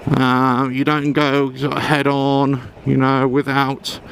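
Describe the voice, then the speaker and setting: Slow and monotone, this vlogger's medium-pitched voice carries vocal fry and a fairly bright edge. He offers loose, meandering commentary from his motorbike on a country trail, captured by a helmet mic amid engine roar and wind.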